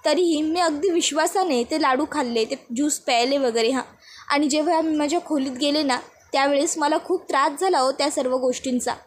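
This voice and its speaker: A woman's voice: sits high, fairly quick, close to an everyday voice. A woman voicing a scheming young woman who complains in a self-pitying way. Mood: complaining.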